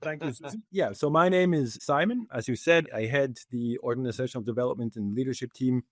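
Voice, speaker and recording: Relaxed conversational man, dry sound. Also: medium pitch, a little fast, no room sound. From Switzerland. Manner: relaxed and conversational, with frequent laughs. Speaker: guest, head of organizational development. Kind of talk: podcast interview.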